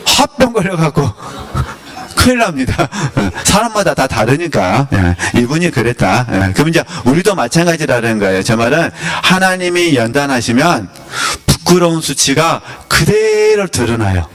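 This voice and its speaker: A teacher at a spiritual academy speaks in a relaxed, sermon-like way, treating his talk as a conversation with listeners. His pitch is fairly high and his pace normal, and he keeps tossing questions at the audience while letting out small chuckles.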